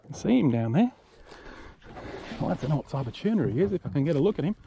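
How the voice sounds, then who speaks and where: A man's voice: on the high side, very animated, fast talker, warm tone. An Australian man chatting casually to camera outdoors on a boat, in a laid-back, matey way, as a fishing vlog host. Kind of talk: casual chat to camera while boating. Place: outdoors on a small open boat at sea. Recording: clear boat and water noise. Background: boat and water noise.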